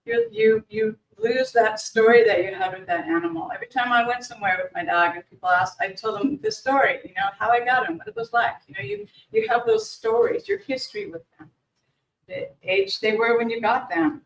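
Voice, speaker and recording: A woman leads a workshop in a conversational way, her pitch rising and falling freely as she restarts and repeats words. She speaks to a live audience in a meeting room. The mic sits far from her, so her voice carries room echo. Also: very animated, brisk. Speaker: grief educator leading a workshop. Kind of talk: informal workshop presentation. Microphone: distant room mic.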